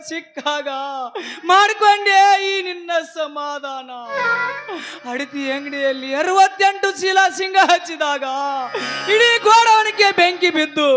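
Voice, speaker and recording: A ruined farmer, as a man plays him, pours out his grief in a high, sobbing, declamatory wail. He speaks slowly and drawn out, over loud stage music from a live folk drama. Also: heavily acted. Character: grieving wounded farmer, a wronged young man. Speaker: stage actor.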